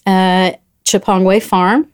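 A woman's voice: medium pitch, flat delivery, drawn-out words, clean tone. A middle-aged woman chatting as a guest, telling a story and acting out the voices she quotes. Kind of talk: casual storytelling chat.

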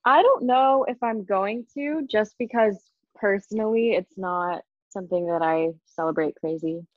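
A young woman from New Jersey chatting casually on a podcast, relaxed and easily amused. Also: mid-range voice, a little slow, dry recording. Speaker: podcast co-host, English language assistant. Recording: dull, dry lo-fi mic.

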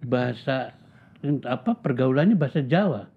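A man in his seventies telling stories from his life in a slow, reflective way, pausing often and repeating words for emphasis. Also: medium pitch, expressive, gravelly, breathy edge. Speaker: interviewee. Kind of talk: reflective storytelling in conversation. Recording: tinny phone-like sound.

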